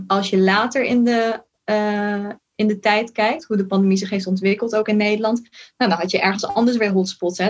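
Dutch woman physician, slightly muffled. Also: mid-range voice. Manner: careful, hedging, explains with many fillers. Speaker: podcast guest, physician in training. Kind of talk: casual conversation.

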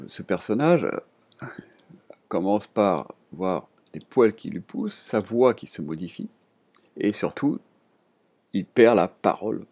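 French guy teacher going over vocab, low husky voice, lots of euh and restarts. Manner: relaxed, hesitant, with many fillers and restarts. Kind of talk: explaining vocabulary to students.

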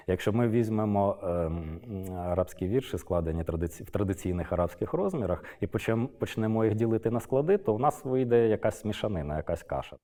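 Low, mellow-voiced man lecturing hesitantly. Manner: hesitant, many filler sounds and restarts. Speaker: Arabist lecturer. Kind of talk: unscripted lecture.

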